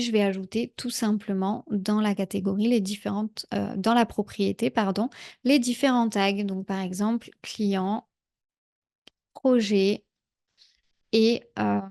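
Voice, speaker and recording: A woman talking a viewer through a software tutorial in a casual, chatty way, with frequent fillers. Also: medium pitch, gravelly. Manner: chatty, many "heu" fillers, speaks directly to viewer. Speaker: productivity tutorial creator. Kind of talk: casual screen-share tutorial.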